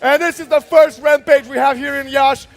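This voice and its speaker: A man calling a live esports match like an arena game announcer, excited and shouting as he draws out the big calls. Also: very high voice, moderate pace, vocal fry, a loud crowd, heavy background noise. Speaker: esports play-by-play caster.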